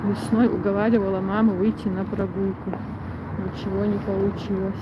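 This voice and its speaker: A woman narrating a casual live walk outdoors, in short remarks with pauses as she comments on what she sees. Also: mid-range voice, flat delivery, muffled recording. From Grozny, Russia. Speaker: vlogger livestreaming a walk. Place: outdoors in a city park. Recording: very noisy outdoor phone livestream, traffic ambience.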